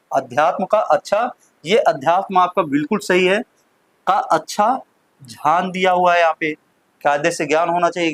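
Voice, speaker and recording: A man's voice: a little high, no room sound, poor audio. A young adult man, a teacher, walks through exam questions step by step and repeats the key words as he explains. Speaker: maths teacher. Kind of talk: exam question walkthrough lesson.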